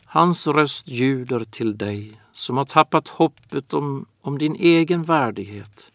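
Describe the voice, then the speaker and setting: A man preaching a sermon in a slow, earnest manner, drawing out his phrases. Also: mid-range voice, no echo, clean studio sound.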